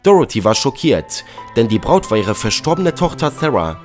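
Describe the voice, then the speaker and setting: A man narrating a dramatic story in a lively reading tone. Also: medium pitch, normal speed. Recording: faint background music.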